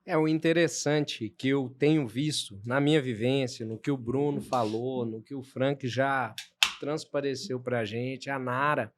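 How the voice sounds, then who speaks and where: A man's voice: mid-range voice, fairly even intonation, measured pace. A man, a podcast host speaking in a reflective, preacher-like way. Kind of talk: casual chat.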